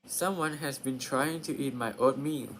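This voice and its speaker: A man's voice: mid-range voice, a little slow, natural voice. Man playing Mama Bear, noisy recording. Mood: puzzled. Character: mother bear in a fairy-tale family. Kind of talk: puppet show character dialogue. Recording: clear background noise.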